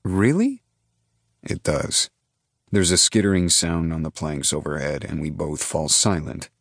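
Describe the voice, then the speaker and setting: A man's voice: extremely low pitch, fairly even intonation, normal speed, vocal fry, a bit bright, no room sound. A man narrating a first-person audiobook in a dry, laid-back storytelling manner.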